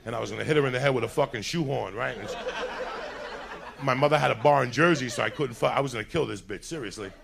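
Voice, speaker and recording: Gravelly New man telling crude stories. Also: medium pitch, fast, a crowd in the background. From New York City. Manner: crude, animated, laughing through his own story. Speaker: storyteller. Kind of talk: profane comedic storytelling.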